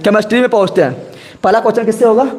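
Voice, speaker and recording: A man running a live group discussion quiz class, reading questions slowly and asking "ठीक है ना?" often. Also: high-pitched, steady tone. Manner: drawn-out slow question reading, frequent "ठीक है ना?". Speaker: quiz teacher.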